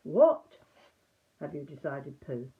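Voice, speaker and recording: A woman's voice: sits low, sing-song, slow pace, pitched below the performer's own voice, exaggerated voice. Woman voicing Piglet, eager small pig, phone-like sound. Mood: questioning. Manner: questioning, helpful. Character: small, eager, questioning male piglet companion. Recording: muffled, narrow phone-like audio.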